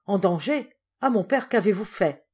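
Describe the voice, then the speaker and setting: A woman's voice: lowish voice, lively intonation, moderate pace, darkish tone. A woman reading the part of an impassioned young man pleading with his father, in a fervent, declamatory way. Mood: indignant.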